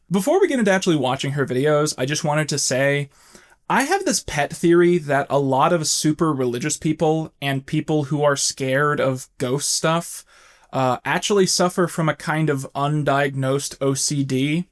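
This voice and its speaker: A man hosting a commentary video essay, narrating with wry, sarcastic asides. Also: on the high side.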